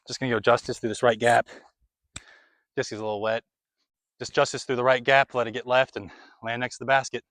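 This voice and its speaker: Young male vlogger, outdoor play-by-play, winded, mid pitch, dry close sound. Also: flat delivery, a little fast, long pauses, a bit bright, dry recording. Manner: chatty, running commentary between throws. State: out of breath. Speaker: disc golf vlogger. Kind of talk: casual play-by-play commentary. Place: outdoors on a disc golf course.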